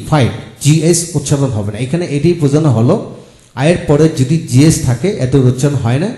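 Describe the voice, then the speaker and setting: A man teaching English pronunciation in a video lesson, slowly spelling out words letter by letter and repeating each one. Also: a little high, dark tone, echoey room. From Bangladesh. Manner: slow, patient, repeats each word twice.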